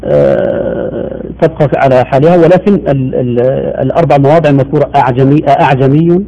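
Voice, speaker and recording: Quick, mellow-voiced man teaching recitation. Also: mid-range voice, highs cut off. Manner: patient explaining, repeats points, affirms with short assents. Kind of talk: televised lesson on recitation rules.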